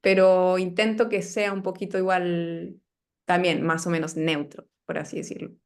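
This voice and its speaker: A woman with a Chilean accent, a Spanish teacher speaking as an interview guest in a thoughtful, explanatory way with small pauses. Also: on the low side, level tone, gravelly. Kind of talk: casual interview chat.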